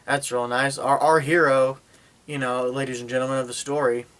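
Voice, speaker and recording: A man's voice: medium pitch, little pitch movement, moderate pace, fairly bright tone, clear, resonant tone. A man giving a casual spoken movie review, retelling the plot in a rambling way, with lots of fillers and sarcastic asides. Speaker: film reviewer.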